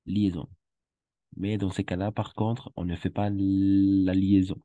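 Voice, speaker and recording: A man's voice: deep voice, little pitch movement, mellow, no room sound, highs cut off. A man teaching French to a class, patient and repeating each word for the students. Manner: slow, patient, repeats words for drilling. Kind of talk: classroom lesson.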